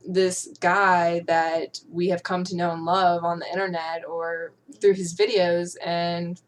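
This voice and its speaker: A woman's voice: lowish voice, level tone, unhurried. Young woman in casual fan chat. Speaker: music video reaction commentator.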